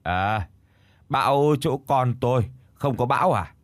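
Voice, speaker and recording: A man voicing a frail, half-deaf old village woman who speaks slowly and confusedly. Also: medium pitch, lively intonation, no room sound, lightly acted. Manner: slow, confused, halting. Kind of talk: storytelling.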